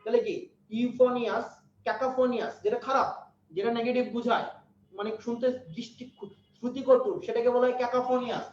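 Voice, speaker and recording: A man's voice: extremely high pitch, little pitch movement, fast talker, darkish tone. A man teaching an English lesson online, repeating each point and quizzing his listeners again and again. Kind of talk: online lecture. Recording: echoey, muffled, from afar.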